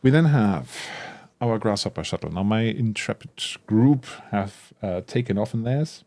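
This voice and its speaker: A tabletop RPG content creator with a low, warm voice gives casual unboxing commentary, a little slow but with lively intonation. He's enthusiastic about the product, thinking aloud with frequent ums and self-corrections, and the recording has no room sound.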